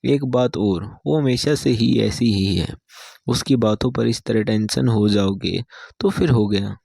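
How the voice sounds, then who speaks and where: A man voicing a busy young housewife in a spoken story, brisk and dismissive. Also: mid-range voice, creaky, dark tone, no echo, clean studio sound.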